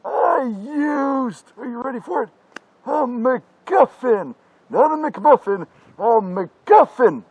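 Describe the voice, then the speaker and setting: A man voicing a weary, older masked slasher who rants in frantic, crude, yelling bursts in a comedy parody sketch. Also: extremely high pitch, expressive, slow, slightly rough, dry recording, dull audio, heavily acted. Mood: urgent.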